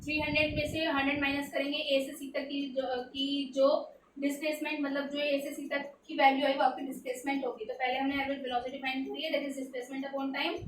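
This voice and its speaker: A woman's voice: sits high, level tone, brisk, far from the mic, slight background noise. A woman tutoring a textbook physics problem, asking questions and answering them herself, with English terms mixed in. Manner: mixes English terms into her explanations. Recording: echoey room, away from the mic.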